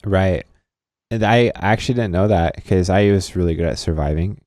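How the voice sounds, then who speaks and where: A man's voice: sits low, normal speed, darkish tone, dry recording, studio quality. A man co-hosting a casual gaming podcast, laid-back and joking. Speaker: podcast co-host.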